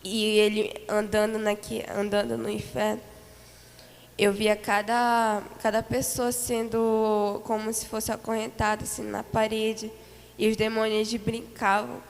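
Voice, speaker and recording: A Brazilian woman recounts a vision in an earnest, repetitive way, her voice a little gravelly and her pitch kept flat. She speaks in a church hall with a long echo and faint background hiss. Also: unhurried. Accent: Brazilian Portuguese. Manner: earnest, repetitive storytelling with many fillers. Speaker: church member giving testimony. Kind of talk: spoken testimony of a vision.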